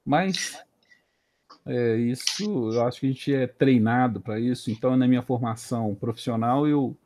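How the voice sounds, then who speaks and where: Mellow Brazilian man in his late forties. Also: medium pitch, moderate pace. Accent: Brazilian Portuguese. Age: late 40s. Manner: hesitant, repeats words while thinking. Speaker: interview guest, IT director. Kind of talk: casual career storytelling.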